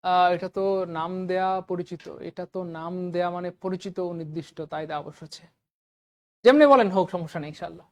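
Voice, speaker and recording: A man's voice: sits high, fast. A man with a Bangladeshi Bengali accent teaching an English grammar lesson, quizzing his class with questions and drilling examples by repetition. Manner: quizzing students with rising questions.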